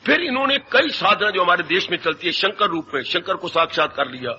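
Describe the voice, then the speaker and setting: A man's voice: high voice, lively intonation, brisk, sharp tone. A man giving a devotional sermon as a spiritual teacher, telling stories and acting out voices. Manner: storytelling, often acting out voices. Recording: dull lo-fi 1990s tape with faint hiss.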